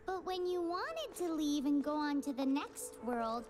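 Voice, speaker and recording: Game fairy sidekick: tiny, squeaky, cheerful child voice, swoopy intonation, music behind. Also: female voice, big pitch swings, a little slow. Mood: curious. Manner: refers to self in third person. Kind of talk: video game voice acting.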